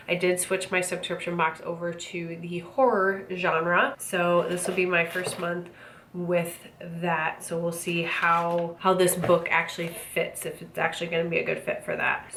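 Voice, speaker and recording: A woman's voice: lowish voice, a bit bright. An American woman with a wheezy, congested, out-of-breath voice chats casually as she hosts an unboxing review. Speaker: host of an unboxing channel. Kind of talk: casual chat, product review. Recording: roomy echo, clear background noise.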